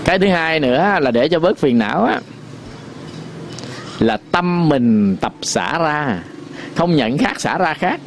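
Gravelly preacher man. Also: a little high, expressive, a little hiss or hum. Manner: repetitive, folksy, chants verse lines slowly. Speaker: Buddhist teacher. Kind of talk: sermon.

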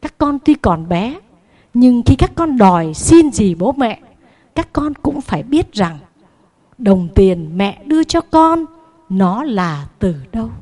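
A Buddhist nun telling a moral story to children in a sermon, animated and swinging in loudness and pitch. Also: female voice, takes it slowly.

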